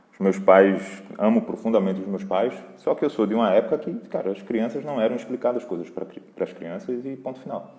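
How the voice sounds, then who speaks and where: A man with a Brazilian accent, hosting a live parenting Q&A in a relaxed, conversational way and talking straight to his viewers. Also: on the low side. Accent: Brazilian Portuguese. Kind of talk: casual live Q&A talk. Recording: roomy hall echo.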